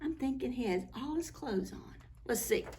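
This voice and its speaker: At a preschool story time, a woman reads picture books aloud, expressive and sing-song, speaking directly to the children. Her voice is high-pitched and moderately paced.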